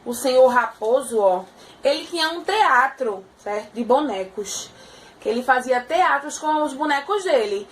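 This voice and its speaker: High-pitched teacher lady telling a story to little kids, animated, keeps asking if they're following. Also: unhurried. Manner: animated, checks in with listeners. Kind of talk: storytelling for small children.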